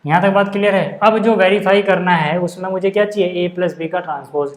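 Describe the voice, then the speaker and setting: Male maths teacher, high voice, roomy echo, casual chatty explaining. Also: brisk. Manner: chatty, keeps checking in with the class. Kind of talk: casual classroom lesson.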